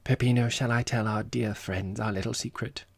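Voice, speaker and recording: A man's voice: medium pitch, fairly even intonation, normal speed, gravelly, slightly rough, dry recording. A man voicing an affected, self-important society woman in an audiobook, with airy, theatrical phrasing and Italian endearments. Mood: coaxing. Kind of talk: audiobook character voice.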